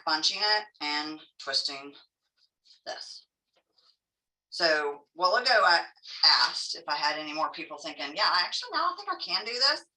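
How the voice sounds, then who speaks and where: A woman teaching a craft class in a casual, chatty, encouraging way, demonstrating step by step, with soft r sounds that lean toward w. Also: sits low. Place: indoor room, teaching an online class. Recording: echoey room, distant microphone.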